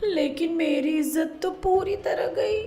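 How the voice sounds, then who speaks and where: A woman voicing a sharp-tongued young daughter-in-law who flares up quickly, speaking in a shrill, huffy way. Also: soft background music. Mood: tearful. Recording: roomy echo.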